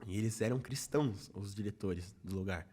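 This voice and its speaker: A man's voice: lowish voice, normal speed, a little mellow. Brazilian man telling a testimony. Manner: storytelling, acts out quoted dialogue, many "falei assim" asides. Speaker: podcast guest, youth ministry leader. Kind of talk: casual testimony in a podcast chat.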